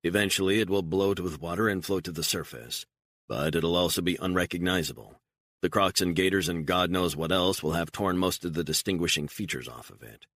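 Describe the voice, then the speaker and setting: A man doing a cold, steady operative. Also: low voice, brisk, dry recording. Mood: firm. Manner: calm, firm. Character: calm, hardened male operative.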